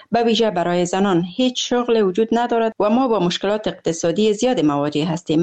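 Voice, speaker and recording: A woman reading a translated interview as voice-over in a plain, steady manner. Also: mid-range voice.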